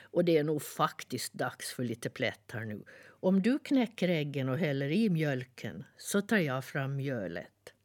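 A woman's voice: rumbling low, big pitch swings, darkish tone, heavily acted. A cheerful granny, as a woman reads her. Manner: laughing, homely. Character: cheerful, kindly grandmother. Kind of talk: storybook reading.

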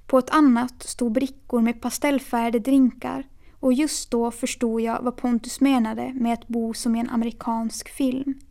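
A woman reading a children's novel aloud in a steady, quiet storytelling manner. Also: on the high side, vocal fry. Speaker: narrator. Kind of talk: audiobook reading.

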